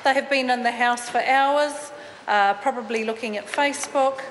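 A woman's voice: fairly high pitch, normal speed, a little hiss or hum. Combative New woman in parliament. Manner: combative, indignant, with many fillers and restarts. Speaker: opposition member of parliament. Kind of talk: parliamentary debate speech. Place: large wood-panelled debating chamber. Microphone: desk microphone. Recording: reverberant chamber with faint ambience.

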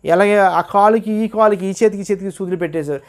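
A man's voice: high-pitched, quick pace. A man telling his personal religious testimony, acting out what others said. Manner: earnest storytelling, acts out quoted dialogue. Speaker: testimony speaker.

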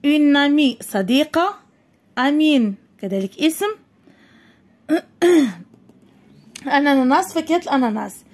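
Moroccan lady teacher, high voice, sounds out words real slow for little kids then explains fast. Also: darkish tone. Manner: slow, deliberate word-by-word reading, switching to quick explanations. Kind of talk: primary school French lesson.

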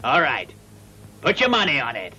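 An actor playing a jovial, sly gambling stallholder in a dubbed martial arts film, calling out for bets in short bookmaker-style patter. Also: male voice, on the high side, wildly swooping pitch, moderate pace, slightly rough, exaggerated voice, low-quality recording. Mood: teasing, hawking. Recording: old film dub with loud music.

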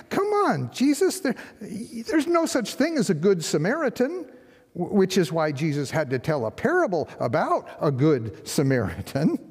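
An older man, an interim pastor, preaching a sermon from a lectern with a conversational tone and rhetorical questions. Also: slightly rough. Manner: conversational, rhetorical questions, lively pitch swings. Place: large church sanctuary, behind a lectern. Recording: long hall reverb in church.

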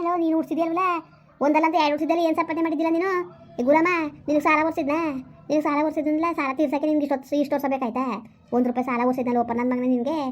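An actor playing a fiery old village mother who scolds her grown son in a rapid, cursing tirade, in a rural comedy skit. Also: sits high, natural voice. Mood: bitter, scolding. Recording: dull lo-fi recording.

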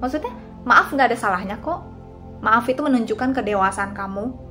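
A woman's voice: a little high, a little fast, bright, forceful tone, soft background music. A young woman in her twenties giving casual, confiding advice straight to her viewers, like a vlogger chatting about feelings. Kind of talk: casual talking-head advice.

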